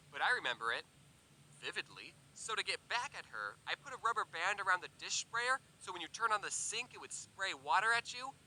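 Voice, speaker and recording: A young man telling comedic childhood stories in an animated, sarcastic way with deadpan asides. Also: sits high, slight background noise, rough recording. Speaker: storytelling video creator. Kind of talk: comedic storytime narration.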